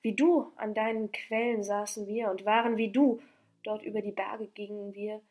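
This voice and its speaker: A woman voicing a tender young woman in an audiobook, speaking softly and devoutly. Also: medium pitch, fairly even intonation, normal speed, close to an everyday voice. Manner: soft, devout.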